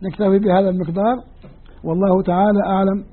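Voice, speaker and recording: A man's voice: sits high, little pitch movement, fast, slightly rough. A man with a Levantine Arabic accent teaching a Quran lesson, explaining patiently and repeating and counting points aloud with his listeners. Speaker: Quran lecturer. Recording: tinny lo-fi lecture recording.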